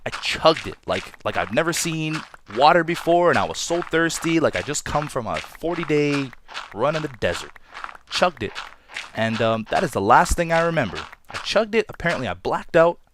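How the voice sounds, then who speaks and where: A man's voice: on the high side, big pitch swings, normal speed, noisy background. A man from Toronto hosting a Let's Play, telling a story in a chatty, rambling, self-deprecating way over gameplay. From Toronto, Canada.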